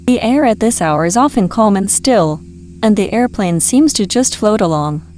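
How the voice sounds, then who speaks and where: A woman reading scripted video narration in a measured, poetic way, in short phrases. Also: medium pitch, lively intonation, darkish tone, slight background noise.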